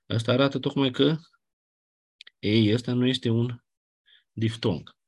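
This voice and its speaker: A man's voice: fairly low pitch, husky. A man teaching Ancient Greek grammar in a lecture, explaining step by step and often checking with his students whether they follow. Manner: explanatory, asks 'nu?' and 'da?' to check understanding.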